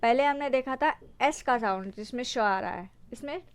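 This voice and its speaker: A woman's voice: on the high side, moderate pace, smooth. A woman teaching phonics, spelling out letters and repeating example words one by one. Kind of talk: slow explanatory phonics lesson.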